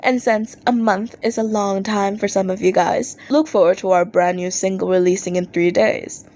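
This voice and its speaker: A woman with a medium-pitched voice reads fan fiction aloud at a moderate pace, like an expressive amateur audiobook narrator. She acts out the posts in an animated way.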